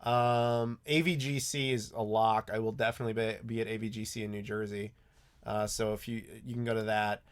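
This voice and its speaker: An American man from the United States hosts a live YouTube Q&A stream, answering chat casually with plenty of ums and restarts. His voice sits on the low side, with a flat, smooth, fairly quick delivery. A desk mic picks him up along with a clacking mechanical keyboard.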